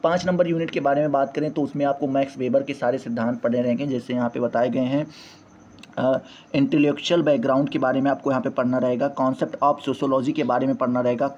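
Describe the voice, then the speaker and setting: A man's voice: medium pitch, fairly even intonation, fairly quick, darkish tone. A man teaching, going through a course syllabus point by point. He often stumbles and restarts on English terms and keeps repeating the same stock phrases. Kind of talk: syllabus walkthrough lesson. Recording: slightly dull lo-fi audio.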